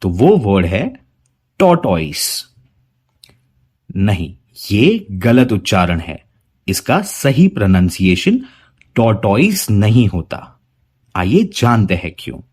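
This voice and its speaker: A man teaching English pronunciation, his voice a little husky and his speech unhurried. He repeats each word with care and contrasts wrong and right sounds, his pitch moving up and down a lot as he stresses them. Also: very animated, darkish tone. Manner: slow, deliberate, repeats words to model pronunciation. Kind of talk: spoken English lesson in Hindi.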